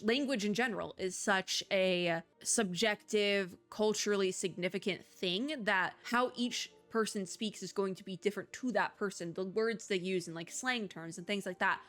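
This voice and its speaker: Playing through a demo on stream, this female host rambles casually with opinionated takes and exasperated side remarks. She speaks in a mid-range voice that's a bit bright.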